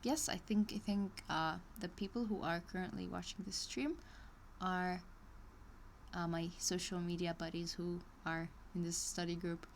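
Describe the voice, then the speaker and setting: Reading an online course aloud during a live stream, a woman speaks at a measured pace in a low-leaning voice with fairly even intonation. A little hiss or hum sits under the audio. Her delivery is hesitant, with many ums and restarts, and she breaks off for chatty comments and small laughs.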